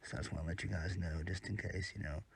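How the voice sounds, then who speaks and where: A man with a low, steady, husky voice and vocal fry talks fast while casually reviewing a wrestling show. Congested from a head cold, he's laid-back and rambling, with frequent ums and uhs and casual swearing, in a dry recording.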